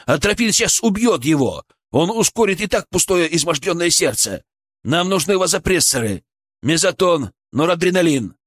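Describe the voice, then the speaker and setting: A man's voice: on the high side, animated, moderate pace, no room sound, pitched above the performer's own voice. A man doing a barking young surgeon giving orders. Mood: urgent commanding. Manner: barked orders, shouting. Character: young male surgeon, commanding and urgent.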